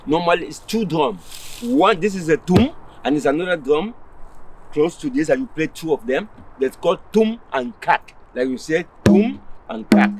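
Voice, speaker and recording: A man from Cameroon, telling a village folk tale in a lively, repetitive oral storytelling style. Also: fairly high pitch, normal speed, slight background noise. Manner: animated, repeating phrases, explaining drums. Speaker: storyteller and musician.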